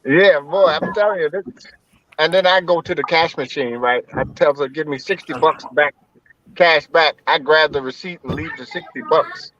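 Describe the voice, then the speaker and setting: A man's voice: on the high side, moderate pace, fairly bright tone, muffled recording, a little hiss or hum. An American man chatting and joking crudely while driving, heard as the vlogger behind the camera. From United States. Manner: crude, joking banter with laughs. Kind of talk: casual chat while driving. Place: in a car.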